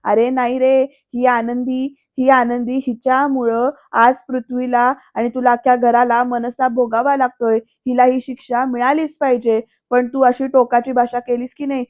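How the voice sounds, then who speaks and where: A woman voicing a boastful middle-aged uncle, speaking loudly and melodramatically. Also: fairly high pitch, level tone, normal speed, natural voice. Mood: dramatic. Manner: loud, exclaiming, melodramatic. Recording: dull lo-fi sound.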